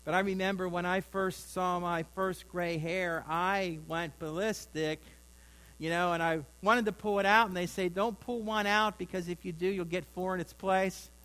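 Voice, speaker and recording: A man's voice: sits high, fairly even intonation, moderate pace, sharp tone, smooth, rough recording. A middle-aged man preaching a sermon in a folksy, rambling way, with asides to his congregation. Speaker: pastor.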